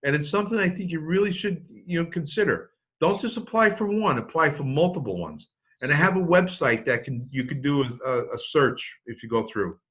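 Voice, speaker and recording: Man in his 50s talking college money to parents, bright forceful voice, a bit high, jokey storyteller. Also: animated, a little fast, few pauses. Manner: anecdotal, joking, with many restarts. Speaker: college financial aid speaker. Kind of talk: informational talk to parents.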